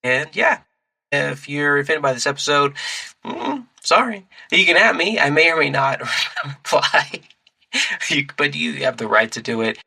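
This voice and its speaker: A man's voice: a little high, animated, measured pace, creaky, pushed and bright, breathy edge, poor audio. A man hosting a casual podcast chat, laid-back and chuckling as he asks questions. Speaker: podcast host.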